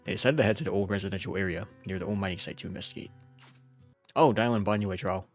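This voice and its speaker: With a deep voice and a fast delivery, a man streams his gameplay live, with game music behind him. He's chatty and casual, laughing often, swearing here and there, and reading story summaries aloud despite feeling unwell.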